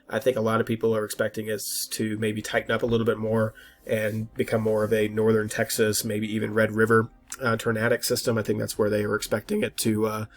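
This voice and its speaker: A man with a fairly low, slightly stuffed-up voice hosts an informal weather forecast. He often halts and restarts as he thinks aloud.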